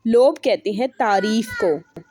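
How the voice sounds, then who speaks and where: Slow, careful woman teaching pronunciation. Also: fairly high pitch, animated, darkish tone, slight background noise. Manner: repeats words slowly and says "ठीक है" often. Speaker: language teacher. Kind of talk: online language lesson.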